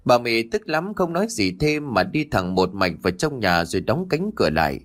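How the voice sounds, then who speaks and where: A man narrating a ghost story in a dramatic, expressive reading style, over faint background music. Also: medium pitch, normal speed.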